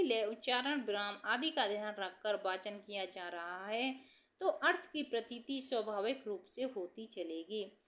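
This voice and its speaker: High-voiced woman reading study notes. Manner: steady dictation-like reading, announces question numbers. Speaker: teacher reading exam answers.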